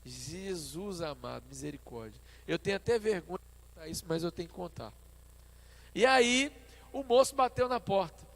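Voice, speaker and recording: A man with a Brazilian Portuguese accent, a pastor preaching a sermon at a church service and telling stories in an animated way. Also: sits high, moderate pace, pauses often. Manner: animated storytelling, acting out his own past dialogue.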